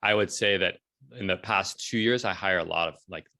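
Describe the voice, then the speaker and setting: A deep-voiced man in his forties talks a little fast as an interview guest. He's an entrepreneur and blogger, and in this casual conversation he tells stories energetically, acts out what people said, and keeps checking in with "right?".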